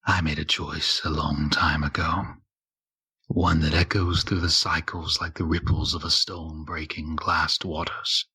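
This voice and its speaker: Man plays an ancient female spirit of deceit, deep and raspy, slow and tempting. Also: level tone, sharp tone, heavily acted. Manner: slow, solemn, tempting speech. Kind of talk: tabletop game role-play.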